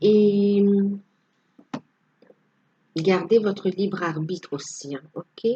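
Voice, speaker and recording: A woman's voice: medium pitch, fairly even intonation, very slow, warm tone, highs cut off, a little hiss or hum. A woman giving a casual tarot reading to her viewers, hesitant and full of fillers. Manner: hesitant, many fillers, tags with "hein". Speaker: tarot card reader.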